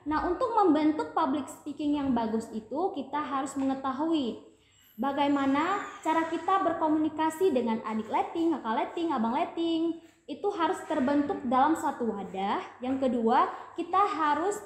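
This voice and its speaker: Chatty young woman, high voice, echoey room. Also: lively intonation, moderate pace. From Aceh. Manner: chatty, explains with many fillers, addresses listeners as guys. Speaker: student guest. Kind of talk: casual podcast chat. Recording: echoey room with faint noise.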